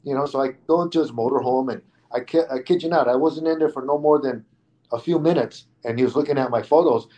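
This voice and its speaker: A man being interviewed on a podcast, telling a lively anecdote in casual speech, often restarting his phrases. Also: mid-range voice, fast talker, muffled recording. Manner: animated anecdote teller with frequent restarts, acting out quoted people. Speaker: guest.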